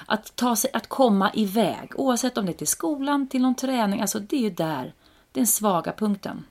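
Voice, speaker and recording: A woman in her forties, a guest in a casual podcast chat, telling frank, self-mocking stories and acting out what people said. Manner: lively storyteller who acts out quotes with a raised pitch.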